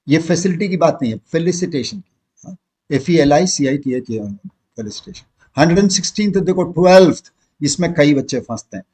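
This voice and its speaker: A man with an Indian English accent teaching an exam-prep lesson, reading sentences slowly and spelling words out letter by letter. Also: mid-range voice, a little mellow, slightly rough. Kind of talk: classroom lesson.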